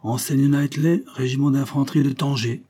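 A man voicing a ragged young ensign, just escaped from captivity, who speaks with halting, wounded pride. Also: medium pitch, darkish tone, husky, natural voice.

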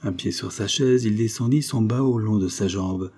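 In scripted narration for an audiobook, a man tells a story steadily and evenly, his voice deep, husky, dark and mellow.

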